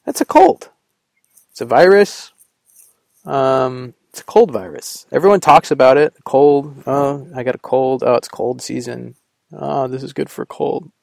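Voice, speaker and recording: In Vermont, a podcast host who's recovering from a cold rambles through a sarcastic solo monologue, filling it with fillers. The voice is medium-pitched, unhurried, creaky and darkish, with no echo.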